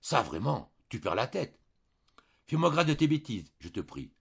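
An irritable young husband snaps and sneers in a husky, lively voice, put on by a man reading a storybook. The recording is dull and lo-fi. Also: medium pitch, moderate pace, pitched above the performer's own voice, full character voice. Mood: scornful.

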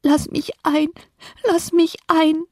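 A woman's voice: very high voice, level tone, slow pace, warm tone, dry recording, studio quality, voice pushed up, full character voice. A woman voicing the ghost of a little girl who sobs and pleads in a whispery voice. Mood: pleading. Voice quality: sobbing, whispery.

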